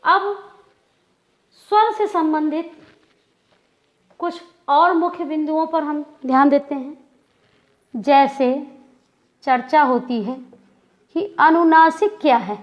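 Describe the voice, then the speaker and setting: A woman gives a grammar lesson in a slow, careful lecture style. She repeats example words aloud to show how they are pronounced, pausing between phrases. Her voice sits high, and the recording is dull and lo-fi. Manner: slow, deliberate, repeats and demonstrates pronunciations. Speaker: Hindi grammar teacher.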